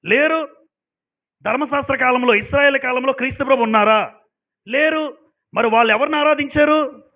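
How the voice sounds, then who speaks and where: A man's voice: very high-pitched, normal speed. A man preaching a sermon to a congregation, emphatic and asking them pointed questions. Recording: dull lo-fi sound.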